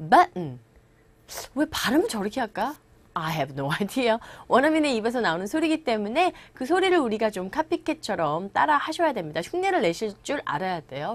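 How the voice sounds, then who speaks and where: A woman English teacher giving a classroom-style lecture. She explains patiently and reads each English example slowly and deliberately. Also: a little high. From Korea.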